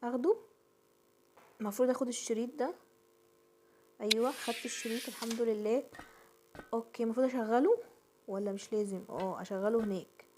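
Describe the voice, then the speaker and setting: Excitable Egyptian woman gamer, high voice. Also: brisk, pauses often, a little hiss or hum. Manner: excitable, shrieks and repeats words in bursts. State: out of breath. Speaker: gaming channel host. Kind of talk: horror game let's-play commentary.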